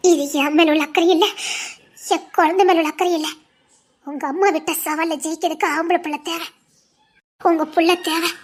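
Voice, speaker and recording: A betrayed young pregnant wife in a TV serial, weeps and shouts her accusations in a very high, piercing voice. Her anger comes out through bitter, tearful laughs. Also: fairly even intonation, moderate pace, long pauses. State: crying. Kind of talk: TV serial acting.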